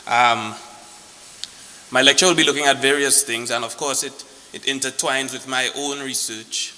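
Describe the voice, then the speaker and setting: A man gives a podium speech as a guest lecturer in a deliberate manner. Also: mid-range voice, fairly even intonation, bright, forceful tone. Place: large echoing room at a book launch. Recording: echoey hall, noisy hiss.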